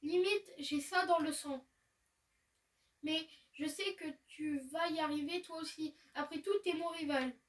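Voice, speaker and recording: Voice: high voice, fairly even intonation, measured pace, recorded from a distance. A gamer reading a cocky cheerful boy rival.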